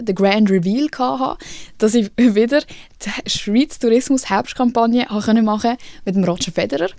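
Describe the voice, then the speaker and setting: A young woman with a Swiss German accent, hosting a podcast and telling a story in a casual, lively way, swearing easily and dropping in English phrases. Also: mid-range voice, no room sound, studio quality. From Switzerland. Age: young adult. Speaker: podcast host.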